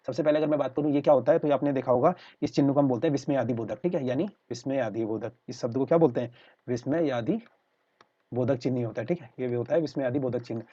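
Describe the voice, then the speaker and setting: A man with a medium-pitched, warm voice talks fast in an online exam-prep lesson, explaining things step by step. He repeats himself and checks in with his students again and again, often saying "theek hai". The sound is lo-fi.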